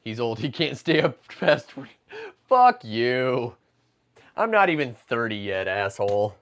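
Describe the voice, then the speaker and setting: A man's voice: medium pitch, sing-song, unhurried, fairly bright tone, highs cut off. A man in his late twenties chatting casually and profanely with his livestream chat while he cooks, joking and reading messages aloud. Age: late 20s. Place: home kitchen, stepping outside to smoke.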